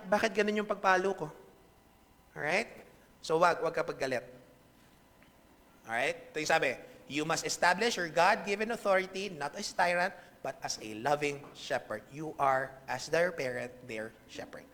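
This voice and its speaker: Man, pastor, Filipino accent, conversational sermon, bright voice, reverberant church hall. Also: high voice, normal speed. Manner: conversational preaching with frequent checks on the audience.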